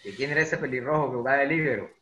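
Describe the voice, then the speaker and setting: A man's voice: medium pitch, very fast, pushed and bright. A man hosting an interview, asking long, rambling questions full of fillers. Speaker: host, interviewer. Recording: echoey dull lo-fi room.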